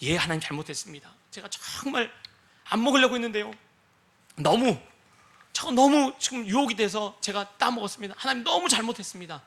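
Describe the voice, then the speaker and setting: A man's voice: high-pitched, lively intonation, brisk, a bit bright, heavily acted. A man preaching who briefly speaks as the biblical first man, making whiny excuses and shifting the blame. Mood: pleading.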